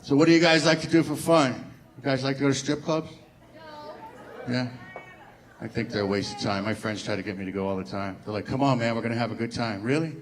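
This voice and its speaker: A man's voice: mid-range voice, fairly even intonation, brisk, pauses often, some chatter behind. A male stand-up comedian performing a set, telling stories and acting out dialogue, with swearing and audience laughter. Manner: storytelling with acted-out dialogue and swearing. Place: live comedy venue.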